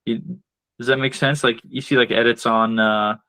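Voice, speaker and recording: A marketing strategist appearing as a podcast guest gives casual advice, explaining ideas step by step with frequent fillers and asides. His medium-pitched voice is bright and forceful, with fairly even intonation and a moderate pace. There's no echo, but the recording quality is low.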